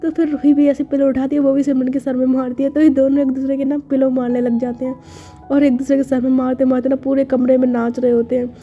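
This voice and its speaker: A woman's voice: high-pitched, flat delivery, quick pace, faint music behind. A woman narrating a romance story in a chatty, casual way with filler asides, in a dull lo-fi recording.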